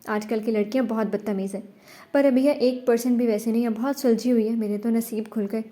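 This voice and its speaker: A woman's voice: a little high, steady tone, mellow, close to an everyday voice. A woman voicing a young husband, teasing at times and firm at others.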